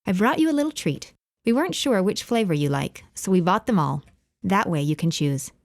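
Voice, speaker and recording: A woman's voice: on the low side, lively intonation, fairly quick, warm tone, no room sound, clean studio sound, close to an everyday voice. A woman voicing a kind, cheerful neighbor and mother of a big family, speaking in a lifted, friendly tone. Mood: warm, cheerful.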